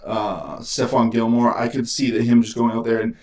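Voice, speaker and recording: A man co-hosting a casual sports podcast, relaxed and rambling, acting out little quotes. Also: mid-range voice, normal speed. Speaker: podcast co-host.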